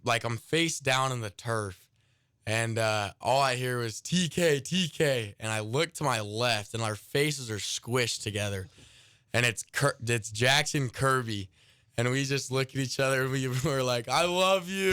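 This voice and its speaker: A teenage boy, a high school pitcher, rambling casually through a story with lots of "like" and "I mean" in a radio studio interview. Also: fairly even intonation, moderate pace, bright, forceful tone, clean tone, dry recording. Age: late teens. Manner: rambling, many "like" and "I mean" fillers.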